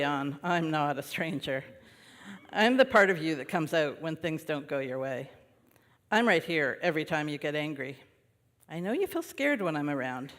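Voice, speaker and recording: A man voicing a hairy red anger creature. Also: a little high. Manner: soft, confiding and reassuring. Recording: long reverb of a worship hall.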